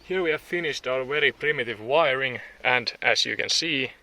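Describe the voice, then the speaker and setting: A man's voice: mid-range voice, moderate pace, background noise. A man with a Finnish accent, a native Finnish speaker, talking in an informal, offhand vlog style with the odd swear word. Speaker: car hobbyist video host. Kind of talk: casual vlog talk. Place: in a car on a parking lot.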